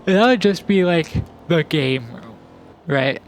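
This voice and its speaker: A young man rambles through laid-back gaming commentary, drifting between thoughts with plenty of fillers. His voice sits a touch high and his pace is unhurried. A faint noise floor hums underneath. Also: expressive. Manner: rambling, many fillers and restarts. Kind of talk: casual chill commentary over gameplay. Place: home, recorded in post.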